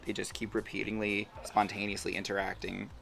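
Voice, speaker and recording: An American man presents a science demo casually, with a campy, informal touch. His voice is bright and forward with plenty of vocal fry, over faint music. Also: lowish voice, completely flat delivery, a little fast, recorded from a distance. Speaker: host, chemist presenter.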